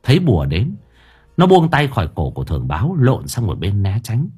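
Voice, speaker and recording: A man narrating an audiobook story in a lively, animated way. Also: fairly low pitch, brisk, husky, soft background music.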